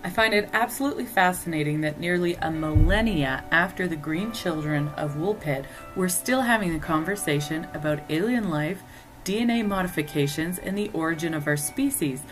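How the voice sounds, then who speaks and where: A woman's voice: lowish voice, moderate pace, music in the background, low-quality recording. A woman hosting a commentary show, talking in an earnest, speculative way. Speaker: host. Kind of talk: scripted commentary.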